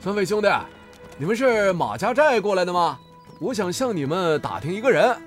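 A man voicing a brash young male mountain fighter in a storybook reading, boastful and shouting his challenges. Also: lowish voice, very animated, a little fast, faint music behind, pitched below the performer's own voice. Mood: hailing loudly.

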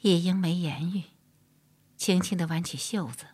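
A woman narrating a historical novel in a measured, soft-spoken storytelling style. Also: lowish voice, husky, dry recording. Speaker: audiobook narrator.

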